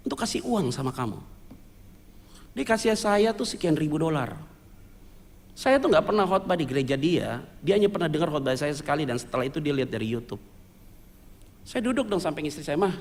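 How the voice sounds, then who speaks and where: A male pastor preaching a sermon, telling his story in a lively, joking way and mixing in English words. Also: fairly high pitch, brisk, long pauses, in a large hall. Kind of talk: sermon testimony. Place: church sanctuary.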